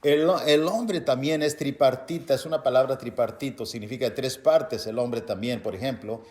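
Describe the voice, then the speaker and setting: A man preaching a Bible-teaching sermon, reading verses aloud and explaining them to his listeners as brothers, with loud emphatic bursts between quieter explanation. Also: mid-range voice, moderate pace. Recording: echoey room.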